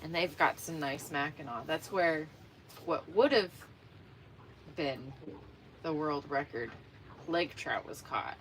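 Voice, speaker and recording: Unhurried woman chatting on a fishing boat. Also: deep voice, slight background noise, low-quality recording. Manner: chatty, laughs easily, reads viewer comments aloud. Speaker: fishing vlogger. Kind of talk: casual livestream chat. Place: outdoors on a boat on a lake in the rain.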